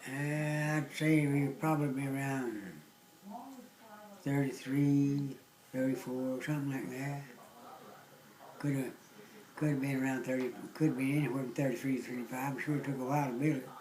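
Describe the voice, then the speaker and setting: An older man from southwest Virginia with an Appalachian accent, casually recounting memories in a folksy, halting way. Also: mid-range voice, little pitch movement, darkish tone, echoey room, rough recording. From southwest Virginia, United States. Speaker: interviewee recounting local memories. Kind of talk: casual oral-history reminiscing.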